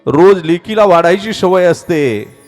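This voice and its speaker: A man giving a devotional story sermon as a kirtan preacher, emotional, swinging between hushed and loud. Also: high voice, lively intonation, measured pace, faint music behind.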